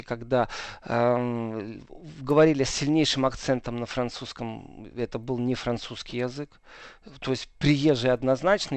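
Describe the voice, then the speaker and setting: A man's voice: medium pitch, dry recording. A man speaking as a political commentator in an unscripted interview, colloquial, with rhetorical questions and asides. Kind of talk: unscripted spoken analysis in an interview.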